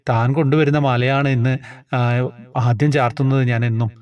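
A man voicing a kindly male temple priest who asks his questions slowly and gently. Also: medium pitch, fairly even intonation, lo-fi sound, lightly acted. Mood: fond.

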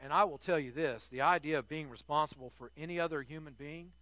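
A man's voice: fairly high pitch, fast, pushed and bright, no room sound. An older man preaching a sermon to his congregation, earnest and emphatic, often repeating words as he restarts a phrase.

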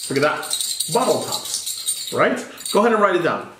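His voice sits a little high and sounds very animated, at a normal speed, as he patiently coaches a child through English words. He alternates between Spanish and English and spells each word out one letter at a time, in an echoey room with background noise.

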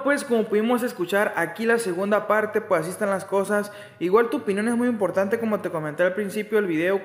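A man hosting a gossip channel, reading a scripted voice-over and repeating the usual calls to like and subscribe. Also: high-pitched. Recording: echoey room with long reverb.

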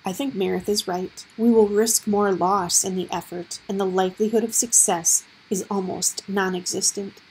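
A woman voicing a former young queen with a measured, formal manner. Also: mid-range voice, steady tone, darkish tone, slightly rough, poor audio. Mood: calm.

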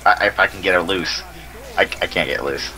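A man's voice: low voice, brisk, sharp tone, rough recording. A young man co-hosting a casual gaming session, joking and self-deprecating. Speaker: gaming channel co-host.

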